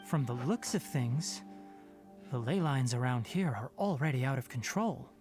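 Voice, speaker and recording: An actor playing a young male forest researcher in a video game, speaking in a measured, precise, explanatory way. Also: medium pitch, animated, a little mellow, faint music behind, natural voice. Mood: explanatory, serious. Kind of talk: scripted video game voice acting.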